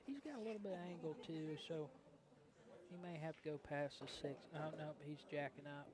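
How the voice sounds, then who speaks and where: A man's voice: on the high side, brisk. A man giving casual, folksy co-commentary on a pool match. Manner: folksy, colloquial. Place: indoor pool hall. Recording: busy pool hall crowd behind.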